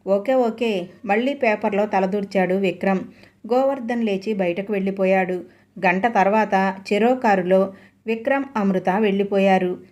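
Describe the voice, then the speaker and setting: A woman's voice: medium pitch, moderate pace, darkish tone. Woman narrating a story steadily. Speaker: audiobook narrator.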